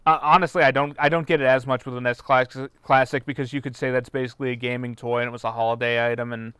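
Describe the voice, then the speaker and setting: A man's voice: mid-range voice, flat delivery, fast talker, bright, forceful tone, smooth, dry recording. A man with a clean, resonant voice gives blunt opinions in casual podcast talk and swears now and then. The sound is close and dry, with no room around him. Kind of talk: casual chat.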